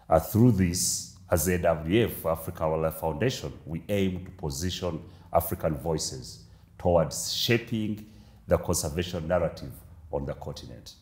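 A middle-aged man with a low, deep voice hosts a formal interview, pausing often with fillers. He sits in a room with a big window, and his voice carries a roomy echo. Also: darkish tone. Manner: measured, hesitant with fillers. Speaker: interview host.

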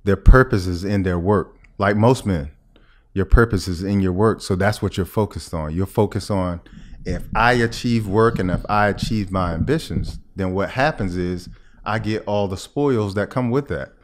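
A middle-aged American health expert with a deep voice speaks at a moderate pace in a conversational podcast interview. He sits at a table in a small indoor room with a podcast microphone on a boom arm, explaining his points and asking whether the listener is following.

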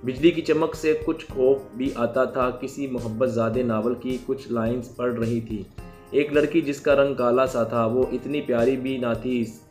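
A man narrates a moral tale in a scripted, steady reading. His pitch is middling and barely moves. Faint music plays softly behind him. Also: measured pace. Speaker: storyteller.

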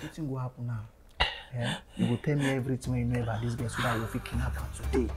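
A woman with a Nigerian accent playing a bossy gang boss who taunts, threatens and shouts. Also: rumbling low, fairly even intonation, very fast, loud music behind the voice. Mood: menacing. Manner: mocking, then bursts into shouted threats.

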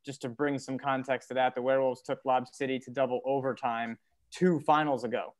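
A man's voice: medium pitch, level tone, brisk. A young man hosting a casual sports recap show, steering the talk between guests over a video call with earbuds from a dim living room. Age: young adult. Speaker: host. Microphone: earbud headset on video call.

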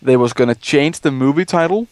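Young male let's play host, middle pitch, loose rambling chat, swears when startled. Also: fairly quick, darkish tone, dry recording. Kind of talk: casual gaming chat.

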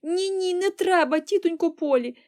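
A woman voicing an excitable, cheerful little girl who gushes and exclaims in breathless enthusiasm, in an audiobook. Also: fairly high pitch, normal speed, pitched above the performer's own voice. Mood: excited.

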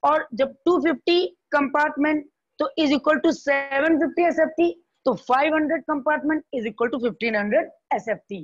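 Slow, high-voiced Indian woman teacher. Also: highs cut off. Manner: repeats points and keeps checking students understand. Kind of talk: classroom biology lecture.

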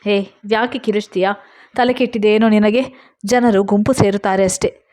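A woman's voice: medium pitch, fairly even intonation, normal speed, a little mellow, close to an everyday voice. A woman voicing an angry, scornful young man in a read-aloud story, sneering and mocking.

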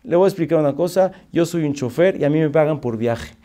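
A man's voice: fairly high pitch, lively intonation, fast talker, warm tone, lightly acted. Man doing a pleading delivery driver. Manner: polite, pleading, explaining.

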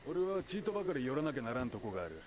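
A man voicing a gruff middle-aged warrior father in a video game, speaking bluntly and fatherly. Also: medium pitch, very animated, rapid-fire. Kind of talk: game character dialogue.

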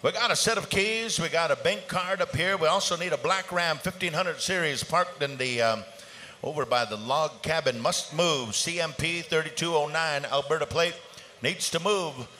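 A man's voice: fairly high pitch, normal speed, sharp tone. A man working as a powwow emcee, announcing over an arena PA with rallying calls and casual banter. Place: large indoor arena. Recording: clear arena ambience noise around PA voice.

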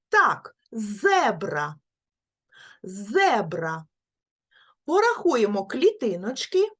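A woman teaching a speech-sound lesson to small children, praising them and repeating each word slowly and clearly. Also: mid-range voice. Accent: Ukrainian. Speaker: preschool teacher.

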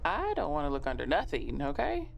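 A gaming streamer giving jittery, pleading commentary while playing a horror game, often muttering to themselves in a gravelly voice. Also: mid-range voice, huge pitch swings, brisk. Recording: noisy with game ambience. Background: horror game ambience.

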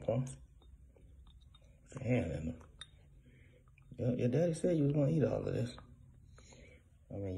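A young man with a gravelly, creaky edge to his voice coaxes his baby through a feeding. His talk is casual, slangy and playful, sitting at an ordinary mid pitch. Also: warm tone, a little hiss or hum.

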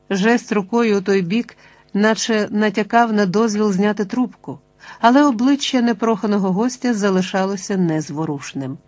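A woman reading an audiobook in measured, scripted narration on a close mic. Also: mid-range voice, darkish tone, no echo.

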